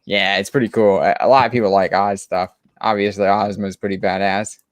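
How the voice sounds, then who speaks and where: A man's voice: lowish voice, fairly even intonation, brisk, dry recording. A man co-hosting a comic book chat show, talking casually and enthusiastically with lots of restarts and fillers.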